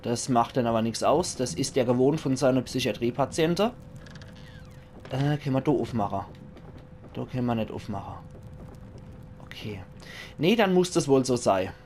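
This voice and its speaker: A man's voice: medium pitch, lively intonation, normal speed, pauses often, a little mellow, a little hiss or hum. A man with a Palatinate German accent, chatting jokingly to himself as he plays through a horror game and comments on it. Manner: jokey, chatty, talks to himself while playing. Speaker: let's play commentator. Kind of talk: casual gaming commentary.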